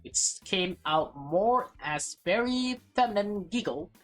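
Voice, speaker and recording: Slowly and in a mid-range voice, a woman reads a visual novel aloud for a let's play, full of expression and breaking off for offhand comments. Faint music sits behind her.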